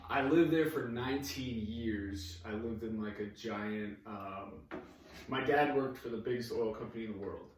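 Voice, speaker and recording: A man in his twenties chatting casually as a podcast guest, relaxed and swearing freely. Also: medium pitch, normal speed, very echoey, far from the mic, slight background noise, low-quality recording. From Saudi Arabia. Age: 20s. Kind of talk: casual chat.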